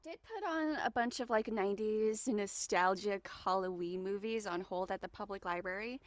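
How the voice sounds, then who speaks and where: A woman guest co-host chatting casually, rambling in an animated way and giggling often. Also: mid-range voice, moderate pace, no echo. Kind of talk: casual chat.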